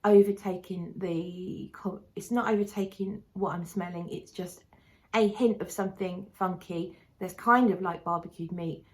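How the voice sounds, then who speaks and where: A woman's voice: fairly low pitch, steady tone, normal speed, low-quality recording. A woman with a lisp and whistling s from a brace, giving a casual, rambling review to camera as a perfume reviewer.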